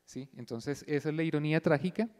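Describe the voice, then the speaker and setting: A man with a fairly high voice gives a didactic talk, stopping now and then to ask if his listeners follow. He thinks aloud with small fillers and restarts as he explains. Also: fast talker, darkish tone. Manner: didactic, checks in often with a questioning "yes?". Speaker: lecturer at a pre-concert talk. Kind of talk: explanatory lecture.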